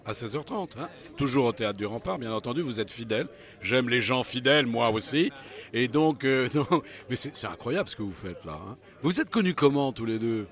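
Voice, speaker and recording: A man hosting a casual interview, playful and talkative. He fills gaps with "euh" and cracks puns as he goes, in an easygoing, friendly-sounding way. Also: mid-range voice. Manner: jokey, chatty, full of fillers and puns.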